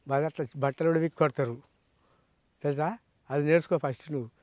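Angry Telangana farmer scolding hard. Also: male voice, on the high side, darkish tone, no room sound. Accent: Telangana Telugu. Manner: scolding, repeated rhetorical questions. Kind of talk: angry rant to camera. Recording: dull dry lo-fi sound.

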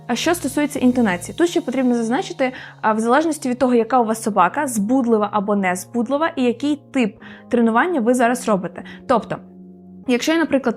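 A woman with a fairly high voice explains dog training in a relaxed, conversational lesson. She often stalls on little filler sounds and demonstrates sample cue words out loud. Soft music plays faintly underneath. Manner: frequent hesitation fillers, demonstrates words aloud.

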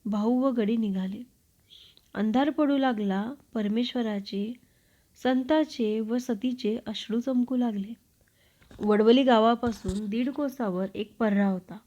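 A woman storyteller reading a classic book aloud in a measured, expressive narration. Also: a little high. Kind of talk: literary narration. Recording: dull lo-fi recording.

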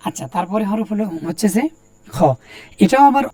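A man teaching Quran letter pronunciation, saying each sound again and again slowly and telling learners to copy him. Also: high-pitched, mellow, dry recording. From Bangladesh. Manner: repeats each letter sound several times, slow and deliberate; talks directly to learners, plain and encouraging. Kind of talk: recorded lesson on Arabic letter pronunciation.

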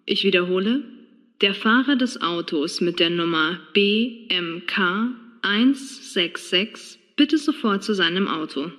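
Slow woman on a store loudspeaker. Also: medium pitch, expressive, big-room sound. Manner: slow, formal and clearly spoken. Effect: store public address loudspeaker announcement. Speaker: shop announcer. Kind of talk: scripted exam listening recording.

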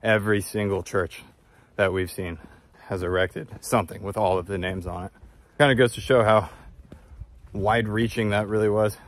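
This man in his thirties, a travel vlogger, talks casually and reflectively to his phone at arm's length as he walks a countryside footpath. His lowish voice holds a steady tone at normal speed, and he pauses often.

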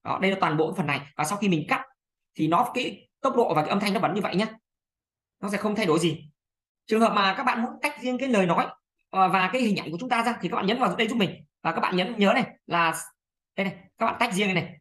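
A woman talks viewers through a screen-recorded software tutorial at a fast clip. Her delivery is chatty and full of small fillers and pointing words as she clicks around. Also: mid-range voice, lively intonation. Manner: chatty, fillers, many "đây này" pointers. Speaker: video editing tutor.

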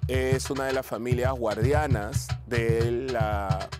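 A middle-aged man from Peru, a dance teacher calmly explaining in an interview. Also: medium pitch, a little slow. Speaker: Afro-Peruvian zapateo teacher. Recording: music playing underneath.

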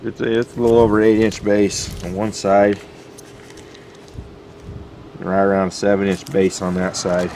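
A taxidermist walks through an outdoor job on camera, standing on concrete beside a building. His voice is fairly low and darkish with little pitch movement, unhurried and broken by long pauses, and a bit of hiss or hum sits under the audio. He speaks plainly, thinking aloud with many fillers.

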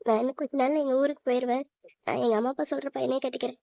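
A woman's voice: sits high, steady tone, rapid-fire, vocal fry, mellow, no echo, lo-fi sound. A woman voicing a lovesick, tearful young woman in a cartoon, plaintive and sulky. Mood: hurt. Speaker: voice actor. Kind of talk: cartoon voice acting.

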